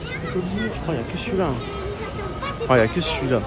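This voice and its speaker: A man's voice: fairly high pitch, expressive, fairly quick. A man hosting a casual live vlog from an outdoor theme park on his phone, chatty and slangy, swearing now and then. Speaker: livestream host. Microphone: handheld phone. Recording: park music and crowd noise behind.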